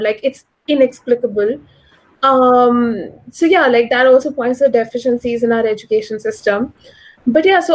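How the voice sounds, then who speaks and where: Higher-voiced woman, posh Indian accent. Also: low-quality recording. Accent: educated urban Delhi Indian English, posh. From Delhi, India. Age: around 30. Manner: articulate, opinionated, frequent 'like' and 'you know'. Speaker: interview guest, economist. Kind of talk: conversational interview answers.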